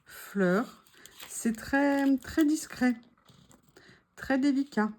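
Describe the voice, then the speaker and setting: A woman chatting casually to her viewers while unboxing craft supplies, gushing softly and adding small asides. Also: sits high, extremely slow. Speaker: craft vlogger.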